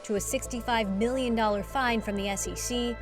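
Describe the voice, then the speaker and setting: A woman hosting a business interview, asking questions and narrating the introduction in a crisp, scripted way. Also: on the high side, steady tone, brisk, music in the background. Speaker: host.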